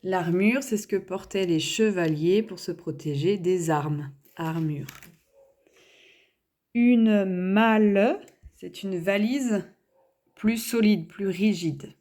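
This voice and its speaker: A woman teacher sounds out reading homework syllable by syllable, pausing deliberately between each one. Her delivery is extremely slow and unhurried, with a mellow, warm tone. She explains simple words patiently, the way one does for small children. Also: on the low side. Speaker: schoolteacher. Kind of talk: homework reading and dictation lesson.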